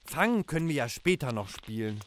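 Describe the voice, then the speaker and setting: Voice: mid-range voice, very animated, brisk, slight background noise, close to an everyday voice. A performer playing a young child, teasing yet caring and curious, in a children's audio drama. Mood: thoughtful.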